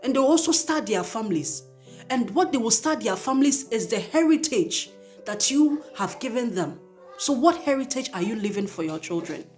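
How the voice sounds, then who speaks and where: A woman host delivers an emotional spoken exhortation to parents, earnest and pleading, with emphatic repetition, over faint background music. Her voice is slightly high and darkish in tone, expressive, at a moderate pace.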